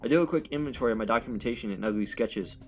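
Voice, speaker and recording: Over game music in a dull recording, a mid-range male voice rattles rapid-fire through a visual novel's narration and dialogue for a let's play. He trips on words and keeps fixing his mistakes.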